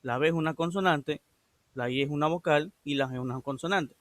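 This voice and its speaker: A man's voice: on the high side, a little fast, no room sound. A male English teacher giving a recorded lesson, patiently explaining and repeating grammar rules step by step. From Ecuador.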